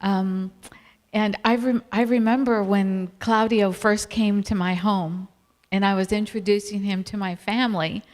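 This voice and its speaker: A middle-aged woman, telling stories and laughing often as she co-presents a family ministry talk. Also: mid-range voice. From Virginia, USA. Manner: warm storytelling, laughs often. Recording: reverberant hall.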